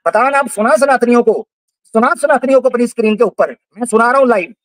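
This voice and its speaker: A man's voice: very high voice, fairly quick, no echo. A man hosting a livestream debate, taunting and repeating his jabs in a heated call-out. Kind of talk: heated live call-out on stream.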